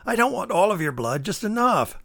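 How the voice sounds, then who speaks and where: A man's voice: high voice, very animated, a little fast, creaky, a bit bright, no echo, voice pushed up, full character voice. A man voicing a needy, hissing leech creature that pleads in a whiny way. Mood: pleading.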